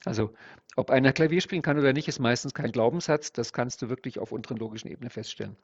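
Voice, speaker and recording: Man, gravelly voice, NLP trainer, thoughtful explainer, dull lo-fi recording. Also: medium pitch, quick pace. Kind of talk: explanatory interview talk. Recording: dull lo-fi sound.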